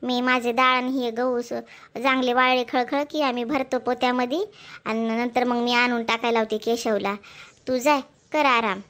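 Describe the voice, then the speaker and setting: A sly village mother-in-law, voiced by a woman who sweet-talks and rambles on in a high voice, with a Marathwada Marathi accent, in a homespun comedy skit. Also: fairly even intonation, moderate pace, a bit bright, natural voice. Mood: coaxing.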